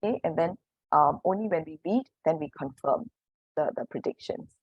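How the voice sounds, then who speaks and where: A woman's voice: low voice, normal speed, breathy edge, no echo, lo-fi sound. A woman with a Singaporean English accent presenting to teachers, explaining her points with many "okay" and "et cetera" fillers. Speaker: teacher trainer.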